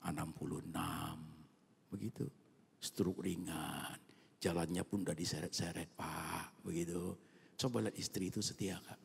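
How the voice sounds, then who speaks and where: Gravelly, husky-voiced male pastor preaching. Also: low-pitched. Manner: animated, swinging from loud outbursts to hushed near-whispers; colloquial, with frequent asides to the congregation. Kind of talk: sermon. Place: church evening prayer service.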